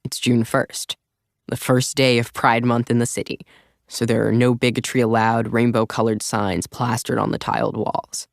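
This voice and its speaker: A man's voice: medium pitch, little pitch movement, normal speed, creaky, no echo. A man narrating an audiobook in first person, with a casual, wry, confiding manner, on a close studio mic.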